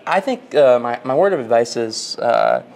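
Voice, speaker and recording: A man's voice: mid-range voice, wildly swooping pitch, normal speed, gravelly, a little mellow. A young man from Florida, a national student officer, answering interview questions in an earnest, friendly way with many fillers, recorded in a large hotel hall. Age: young adult.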